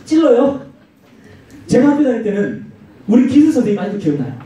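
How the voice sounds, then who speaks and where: Animated preacher in a very echoey hall. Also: male voice, a little fast, muffled recording. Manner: animated storytelling with acted-out quotes and swinging pitch. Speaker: youth pastor. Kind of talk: youth sermon. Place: church hall. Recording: very echoey hall, mic far off.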